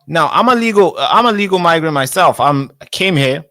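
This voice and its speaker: Young man, twenties, from Tanzania, insistent, slightly high voice, heated debate. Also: animated, fairly quick, bright, forceful tone, no room sound. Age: 20s. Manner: insistent, interrupts with repeated "wait, wait". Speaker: interviewee.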